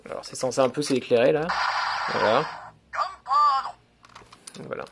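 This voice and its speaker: Male toy reviewer, mid-pitched, fry-tinged voice, hesitant step-by-step demo delivery. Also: normal speed, heavy background noise. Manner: hesitant, filler-heavy explaining, "donc voilà"; talks to camera while handling a toy. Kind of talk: hands-on toy review demonstration.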